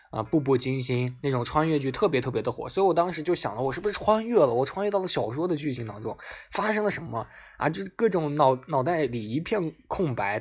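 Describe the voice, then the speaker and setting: A man telling a personal story in casual speech. He gets excited and repeats words for emphasis. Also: medium pitch.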